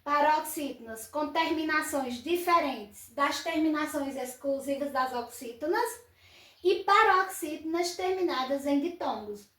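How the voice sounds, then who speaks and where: High-voiced woman teacher, echoey room. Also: a little slow, a bit bright, distant mic. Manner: patient, asks and answers her own questions. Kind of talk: explaining grammar exercises. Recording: echoey room, voice set back from the mic.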